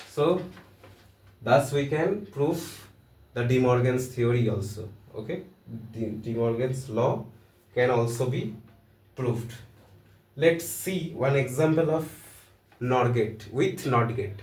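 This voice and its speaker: A man's voice: mid-range voice, darkish tone. A man with an Indian accent giving a casual, joking lesson in loose, hesitant phrasing. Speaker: teacher. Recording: roomy echo, voice from a distance.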